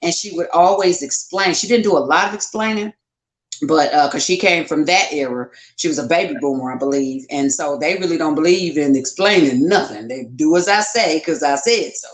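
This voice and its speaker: A woman's voice: low voice, normal speed. A woman co-hosting a casual podcast, telling her own stories expressively and reacting with exclamations. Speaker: podcast co-host. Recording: roomy echo.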